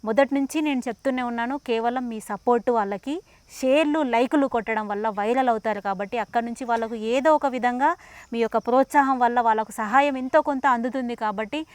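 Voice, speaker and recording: A woman who gently coaxes answers with short questions, then earnestly pleads with viewers to support the channel. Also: fairly high pitch, a little fast, dry recording. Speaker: interviewer and channel presenter. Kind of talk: casual interview then appeal to viewers.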